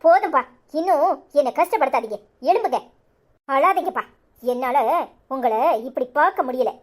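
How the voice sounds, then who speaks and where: A woman's voice: high voice, lively intonation. A woman voicing a bitter, stubborn young married daughter in a cartoon serial, speaking with a Tirunelveli Tamil accent and firing accusing questions. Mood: pleading. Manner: accusing, insistent, rapid-fire questions.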